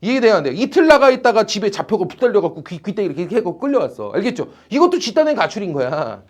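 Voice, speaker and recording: A man teaching a class at a tutoring academy, animated and teasing, with blunt slang. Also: high-pitched, racing. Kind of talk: classroom lecture.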